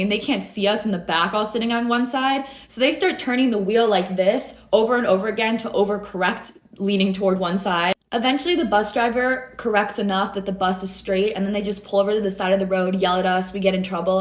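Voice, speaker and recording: A woman's voice: medium pitch, steady tone, fairly quick, hardly any pauses. Young woman telling a story, roomy. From United States. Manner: chatty, wry anecdotal telling. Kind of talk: casual storytime. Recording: roomy echo.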